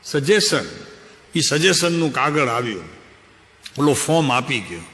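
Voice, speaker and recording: A man's voice: medium pitch, animated, measured pace, fairly bright tone. An older man, a spiritual teacher giving a conversational, anecdotal discourse and putting questions to his listeners. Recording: long hall reverb.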